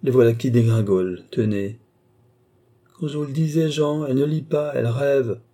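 A man voicing a sharp, impatient young noble lady in an audiobook. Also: medium pitch, close to an everyday voice. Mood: tart. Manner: tart, quick-tempered.

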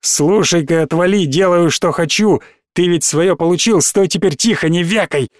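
A man reading a story aloud, voicing a rough blond teenage bully who talks in curt, bossy bursts. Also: high voice, moderate pace, dry recording, studio quality, lightly acted. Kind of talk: audiobook character voice.

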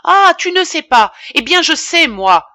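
Audiobook figure: woman reader doing an irascible, self-important male pharmacist, loud indignant tirades, bright tone. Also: mid-range voice, lively intonation, measured pace, dry recording, clean studio sound. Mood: furious. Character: pompous middle-aged male apothecary, irascible.

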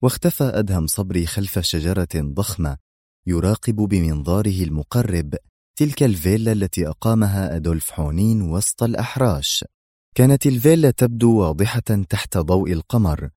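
A man narrating a novel in a measured storytelling manner. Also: lowish voice, dark tone, no room sound, clean studio sound. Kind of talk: audiobook narration.

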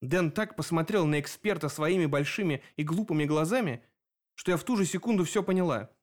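Male audiobook narrator, measured, slightly high voice. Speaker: audiobook reader. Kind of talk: scripted narration.

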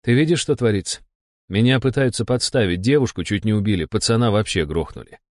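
A man's voice: fairly low pitch, lively intonation, fairly quick, darkish tone, no room sound, studio quality, natural voice. A man voicing a blunt, frustrated young male inquisitor in an audiobook. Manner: blunt, frustrated, plain-spoken. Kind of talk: audiobook dialogue.

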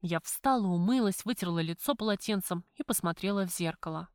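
A woman narrating a first-person novel as an audiobook, calm and measured. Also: fairly low pitch, no echo, clean studio sound.

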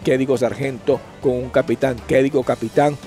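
A man's voice: medium pitch, steady tone, normal speed, dark tone, soft background music. A man who hosts a trucker channel, speaking outdoors and preaching to his viewers with earnest, repetitive urging. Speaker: trucker vlogger and host.

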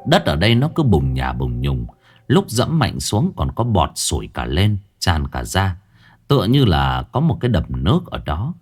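A man tells a ghost story. His voice sits fairly low but swings widely in pitch, giving the telling a dramatic lilt. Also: huge pitch swings, moderate pace, a little mellow, slightly rough, soft background music. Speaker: narrator.

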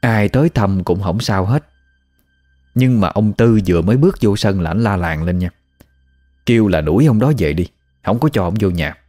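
A man with a Southern Vietnamese accent tells a ghost story in a relaxed, folksy, conversational manner. His voice sits low and mellow, and quiet music plays underneath. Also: normal speed. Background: faint music.

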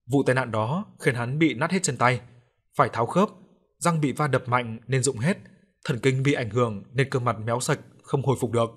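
A man giving steady scripted narration of a ghost story. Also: medium pitch, moderate pace, husky.

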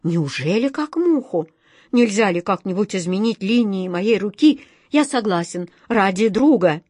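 A woman's voice: mid-range voice, animated, a little slow, darkish tone, husky, no echo, studio quality. A woman voicing a brave but superstitious sea captain who pleads anxiously with his friend, storybook style. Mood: pleading. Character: fearful, superstitious kind sea captain man.

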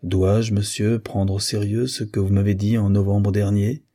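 A man's voice: lowish voice, flat delivery, normal speed, mellow. A man reading a resigned, ironic young nephew. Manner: restrained, polite and ironic. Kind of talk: audiobook character reading.

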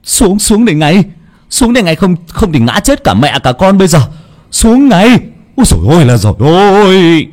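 A man's voice: low voice, sing-song, unhurried, pauses often, warm tone, exaggerated voice. A man voicing a terrified village man who stammers and shrieks. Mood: panicked.

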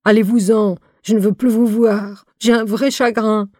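A woman's voice: medium pitch, level tone, a little slow, a little mellow, no echo, clean studio sound, voice pushed up, natural voice. A woman voicing a sulking male booking agent who blubbers petulantly in a tearful voice. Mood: whining, tearful.

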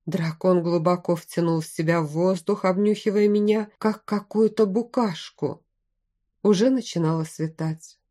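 A woman narrates a first-person audiobook at a steady pace. Her voice is mellow and dark rather than bright. Her storytelling stays even and clear. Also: medium pitch.

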